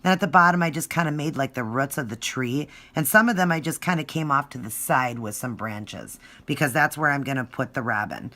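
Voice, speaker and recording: A woman's voice: very deep voice, a little fast, few pauses, bright, forceful tone. A woman giving a casual step-by-step craft tutorial, talking informally and thinking aloud as she works. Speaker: nail art tutorial presenter. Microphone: phone. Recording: noisy home phone recording.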